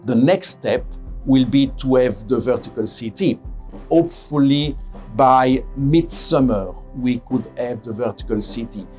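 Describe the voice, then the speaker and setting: A middle-aged man from Belgium, a head of radiation oncology giving a measured interview, often correcting himself and stressing key words. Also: medium pitch, a little mellow, faint music behind. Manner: measured, self-correcting, emphatic. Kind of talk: interview testimonial.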